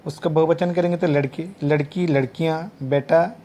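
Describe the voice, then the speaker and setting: Guy teaching class, reads out word lists one at a time, mellow voice. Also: fairly high pitch, steady tone, normal speed, slight background noise. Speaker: teacher educator. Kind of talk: classroom lecture.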